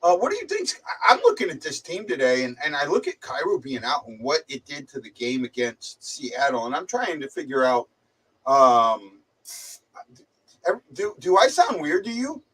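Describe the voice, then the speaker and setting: A man's voice: on the high side, sing-song, moderate pace, fairly bright tone, breathy edge. A man hosting a casual livestream chat, his voice muffled as if on speakerphone, with a slight head cold, rambling and stumbling over his words. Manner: rambling, hesitant, stumbling repeats. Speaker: livestream host. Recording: distant muffled mic.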